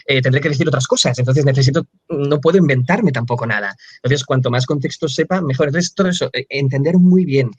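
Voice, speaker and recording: A man's voice: mid-range voice, fast, few pauses, breathy edge, dry recording. A man, a dubbing actor and translator, talking thoughtfully with many fillers and restarts in a casual video-call interview. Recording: dull lo-fi video-call sound.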